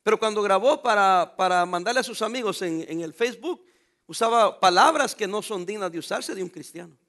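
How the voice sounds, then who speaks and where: A man's voice: high voice, expressive, a little fast, a bit bright. A middle-aged man, a pastor preaching a sermon with emphatic rhetorical questions to his congregation.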